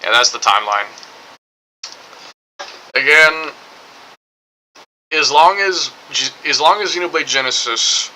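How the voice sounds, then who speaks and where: A man's voice: mid-range voice, bright, forceful tone, slight background noise, low-quality recording. A man giving casual, rambling game commentary, hedging often and circling back over his points. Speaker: gaming streamer.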